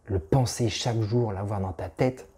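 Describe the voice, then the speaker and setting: Young male motivational vlogger, low mellow voice, chatty and informal. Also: moderate pace. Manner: chatty, addresses viewer as "tu", frequent restarts. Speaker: motivational YouTuber. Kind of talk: casual direct-to-camera talk.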